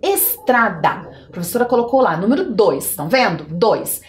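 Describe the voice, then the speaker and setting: A woman's voice: mid-range voice, expressive, quick pace, a little mellow. A woman with a Brazilian Portuguese accent, a schoolteacher giving a televised lesson to young children, encouraging and drawing out her words.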